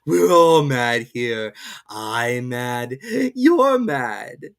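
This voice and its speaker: A storybook reader voicing a mad, grinning, teasing male cat with slow, drawn-out, emphatic words. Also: medium pitch, very animated, smooth, exaggerated voice.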